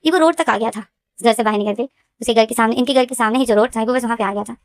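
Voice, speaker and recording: A woman's voice: a little high, quick pace. A woman retelling a story casually, with a repetitive and emphatic manner. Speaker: story explainer.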